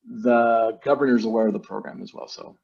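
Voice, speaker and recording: A gravelly, darkish male voice of medium pitch moves fairly quickly and keeps a steady tone. The speaker, a marketing agency owner, gives a salesy, informal slide talk in a virtual meeting using casual business jargon, and the recording has the dull lo-fi quality of online meeting audio.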